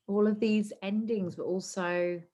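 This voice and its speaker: A woman's voice: medium pitch, fairly even intonation, measured pace, dark tone. A young woman co-hosting a podcast, chatting openly and emotionally, laughing often. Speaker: podcast co-host. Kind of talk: casual chat.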